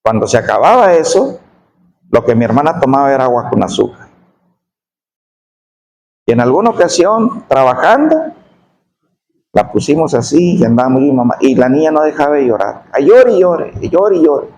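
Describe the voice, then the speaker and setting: A middle-aged man telling a testimony in a sermon, his voice dropping low and slow on painful memories. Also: big pitch swings, a little mellow, rough recording. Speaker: preacher giving testimony.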